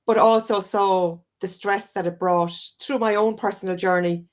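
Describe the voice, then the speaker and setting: A moderate pace and steady tone mark this Irish woman's medium-pitched voice. As a wellness coach guesting on a live-streamed video call interview, she talks earnestly and at length, digressing and self-correcting as she circles back.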